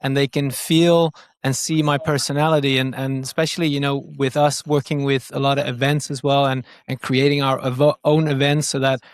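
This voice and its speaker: Flat and brisk, with hardly any pauses, this mid-range male voice belongs to a podcast guest who works in digital growth marketing. Norwegian isn't his first language and he speaks it brokenly, explaining things casually in the interview and repeating words while he thinks them through.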